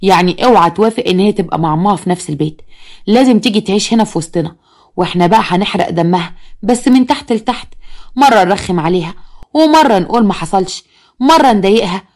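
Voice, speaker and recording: A woman's voice: medium pitch, racing, a little mellow, lightly acted. A woman voicing a bitter, sarcastic young sister in an Egyptian accent. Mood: spiteful. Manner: sarcastic and spiteful.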